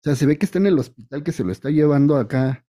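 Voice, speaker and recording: A man's voice: a little high, very fast, mellow. A man with a Mexican accent co-hosting a podcast, laying out his opinions at length in casual chat. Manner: opinionated, makes points at length. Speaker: podcast co-host.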